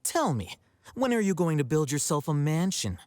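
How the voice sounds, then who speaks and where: A man's voice: on the high side, very animated, normal speed, a little mellow. An actor playing a cool, sardonic young male scribe in a video game, dry and teasing.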